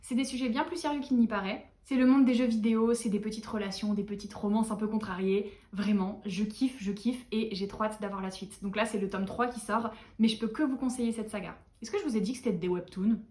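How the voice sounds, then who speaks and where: A woman's voice: mid-range voice, a little fast, hardly any pauses, a little mellow. Chatty, self-mocking young woman, echoey room. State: tired. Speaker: book vlogger. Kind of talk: casual book chat to camera.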